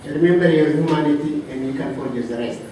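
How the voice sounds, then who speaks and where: A man from Africa giving a soft-spoken, halting tribute to his mentor, with many pauses and fillers. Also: a little high. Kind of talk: heartfelt tribute speech. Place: reception room. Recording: roomy, distant, noisy room recording.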